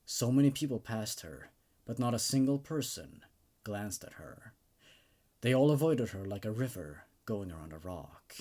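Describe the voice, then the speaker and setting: A mellow, lowish male voice narrates horror stories dramatically and emphatically. He hosts the readings and gives his own casual, enthusiastic verdict on each.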